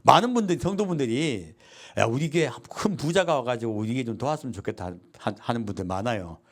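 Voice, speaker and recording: With a mid-range voice and a quick pace, a man preaches a sermon as pastor. He keeps it lively by asking his congregation questions, answering them on his own, and acting out quotes.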